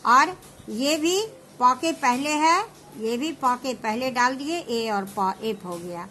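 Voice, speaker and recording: A woman teaching shorthand, explaining each step slowly and checking whether her students understand. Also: fairly high pitch, sharp tone, a little hiss or hum. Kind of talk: slow classroom explanation.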